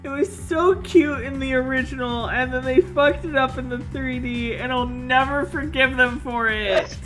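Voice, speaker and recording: A woman chatting casually with friends as she plays a video game, expressive, playful and sweary. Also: high-pitched, normal speed, rough recording. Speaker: video game streamer reading and voicing dialogue. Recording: game music behind the voice.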